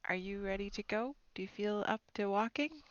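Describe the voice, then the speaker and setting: A woman's voice: mid-range voice, normal speed, lo-fi sound. A woman playing a tabletop game, wry and cautious, laughing along with the table. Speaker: player. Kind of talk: casual tabletop game play.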